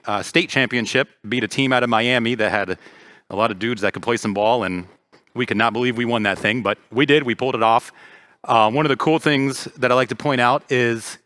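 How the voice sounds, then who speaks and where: Speaking into a handheld microphone in a church hall, a league president in his thirties from Florida addresses parents casually and warmly, with many ums and uhs. His mid-range voice sounds pushed and bright, and the audio is clean, studio-like.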